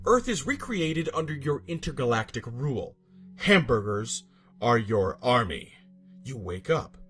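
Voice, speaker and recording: Very animated yet measured in pace, a man with a medium-pitched, slightly rough and somewhat bright voice performs a theatrical, emphatic narration of absurd fiction from a script, backed by a bed of music.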